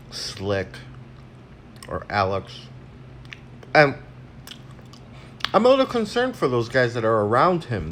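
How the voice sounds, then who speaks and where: A man's voice: mid-range voice, fairly bright tone, slight background noise. A man ranting crudely and rambling with lots of fillers in a casual livestream, talking into a phone while eating. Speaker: vlogger.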